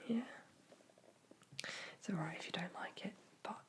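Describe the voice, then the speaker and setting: A woman whispering softly and caringly in an ASMR chat, her throat sore and dry from a cold. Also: on the low side, unhurried. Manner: soft, intimate, caring whisper. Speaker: ASMR creator. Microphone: close microphone.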